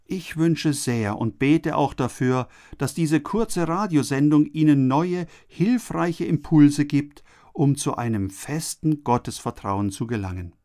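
A man's voice: a little high, measured pace, dark tone. A man delivering a scripted radio sermon, speaking earnestly and addressing the listeners directly. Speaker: radio preacher. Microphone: studio microphone.

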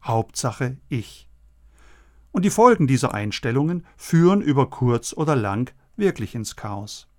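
A man giving a scripted radio sermon, earnest and measured, speaking straight to the listeners. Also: medium pitch, sing-song, darkish tone. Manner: earnest, measured preaching, addressing listeners directly. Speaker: radio preacher.

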